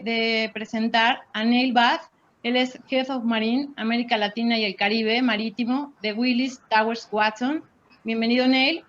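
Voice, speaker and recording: Higher-pitched woman, dull audio. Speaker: webinar moderator introducing speakers. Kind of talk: formal scripted introductions. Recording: dull lo-fi audio, faint noise.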